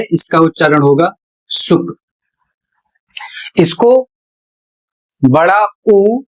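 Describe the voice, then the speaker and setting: Slow, deliberate male teacher. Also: fairly high pitch, rough recording. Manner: deliberate, repeats each rule step by step. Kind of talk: slow classroom explanation at a board.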